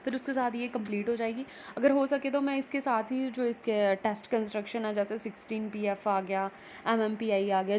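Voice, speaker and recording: A woman's voice: medium pitch, darkish tone, rough recording. Woman, lecture read, code-switching teacher, self-asking questions, faint hiss behind. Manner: mixes Hindi and English, rhetorical questions. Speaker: psychology teacher. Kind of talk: exam-prep lecture.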